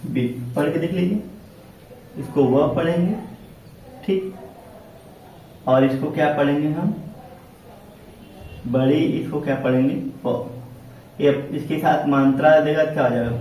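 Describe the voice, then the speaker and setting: Hindi teacher in an echoey classroom. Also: male voice, fairly high pitch, a little slow, pauses often, dark tone, recorded from a distance, a little hiss or hum. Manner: repetitive, asks and answers his own questions. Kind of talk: classroom lesson.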